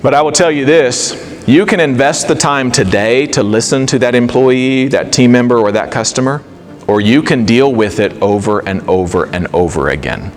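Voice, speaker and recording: A middle-aged man giving an animated, conversational talk to a live audience, acting out quoted dialogue. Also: mid-range voice, moderate pace, faint music behind. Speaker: speaker.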